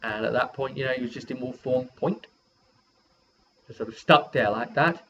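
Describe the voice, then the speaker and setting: A man recalls a tabletop role-playing session he ran as game master, rambling casually and acting out bits of dialogue. He has a medium-pitched, fairly bright voice with fairly even intonation and a moderate pace. The audio is dull and lo-fi, with noise in the background.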